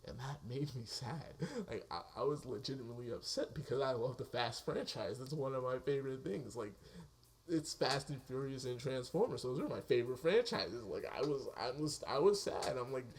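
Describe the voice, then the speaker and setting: A man giving a casual, excitable spoken movie review, swearing freely and laughing often as he talks. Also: mid-range voice, normal speed, slight background noise. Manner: excitable, profane, laughs often mid-sentence.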